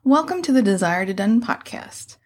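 A woman's voice: fairly high pitch, big pitch swings, moderate pace. Upbeat, tidy female podcast advice host. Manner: upbeat, tidy advice-vlogger delivery with playful casual asides. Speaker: podcast host and mentor for virtual assistants. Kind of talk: scripted solo podcast advice.

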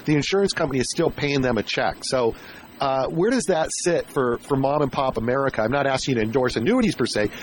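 A man hosting a casual radio interview, rambling haltingly and repeating words as he shapes his questions. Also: mid-range voice, a little hiss or hum, rough recording. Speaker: radio show host interviewing a guest.

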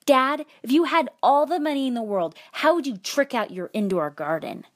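A woman's voice: high-pitched, animated, moderate pace, voice pushed up. A woman voicing her nine-year-old self, a girl who whines and pleads for a pet. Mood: curious. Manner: whining, pleading.

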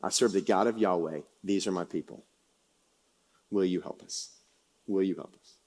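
A man voicing a brave queen who pleads with the king, in a soft, low, earnest tone. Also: normal speed. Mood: pleading.

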